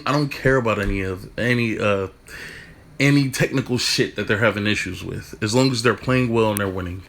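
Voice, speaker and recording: A man talking fast in a casual football rant, stumbling over restarts and swearing casually. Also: mid-range voice, fairly bright tone. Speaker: football fan commentator.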